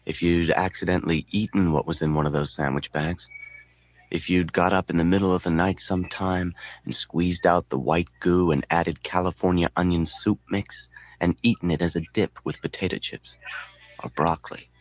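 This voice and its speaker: A man voicing a coolly menacing young man in an audiobook, speaking low and matter-of-fact. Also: fairly even intonation, moderate pace. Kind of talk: audiobook reading.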